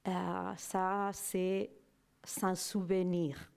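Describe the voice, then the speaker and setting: A middle-aged woman with a Spanish accent, a native Spanish speaker, giving a personal testimony to an audience, slow and hesitant, searching for her words. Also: fairly low pitch, little pitch movement, creaky, a little mellow, clean tone. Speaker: guest speaker.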